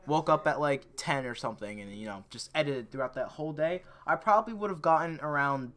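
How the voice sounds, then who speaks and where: A young man with a bright, forceful voice sitting a touch above the usual pitch for men. He hosts a loose, casual post-show chat with friends, often laughing and stumbling over restarts as he reads out viewer questions. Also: a little fast. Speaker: host and editor.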